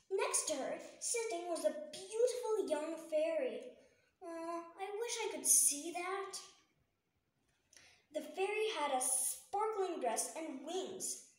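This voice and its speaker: High-voiced woman reading a children's story. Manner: enthusiastic, adds asides. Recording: echoey room.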